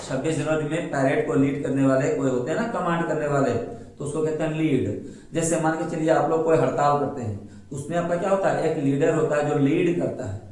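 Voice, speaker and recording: A man's voice: fairly high pitch, a little fast, a little mellow, heavy reverb, rough recording. A male English teacher gives a classroom-style lesson at a board, repeating points and asking questions he answers himself. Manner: repetitive, asks questions and answers them himself. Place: room, recording without a digital board.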